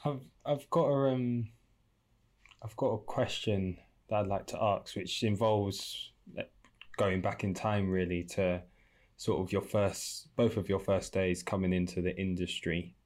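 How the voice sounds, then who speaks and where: Male host, very low voice, unhurried and careful interviewer. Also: steady tone, darkish tone. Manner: measured, drawn-out questions. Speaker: podcast host. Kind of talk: casual discussion.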